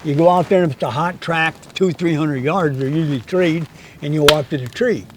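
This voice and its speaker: A man's voice: fairly high pitch, brisk, slight background noise, rough recording. A man in his eighties telling hunting stories outdoors in a canyon, rambling and often stammering and repeating his words. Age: 80s. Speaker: interviewed guest, hunting guide. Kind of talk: casual storytelling chat.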